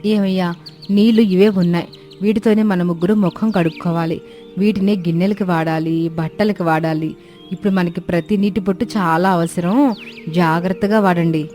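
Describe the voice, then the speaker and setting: A woman's voice: lowish voice, steady tone, moderate pace, dark tone, soft background music, lightly acted. A woman voicing a caring, devoted village farmer's wife who speaks with emotional pleading in a cartoon story.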